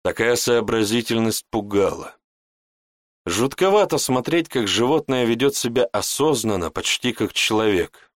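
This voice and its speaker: A man narrating a first-person fantasy audiobook with expressive, dramatic intonation. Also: medium pitch, normal speed, dry recording, studio quality.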